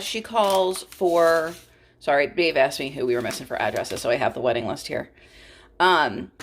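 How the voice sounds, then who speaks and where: A woman with a lowish, fairly bright voice chats casually in a cook-with-me vlog, sharing her meals and recipes. She often slips into informal asides and cuts herself off, and the recording carries a little hiss or hum.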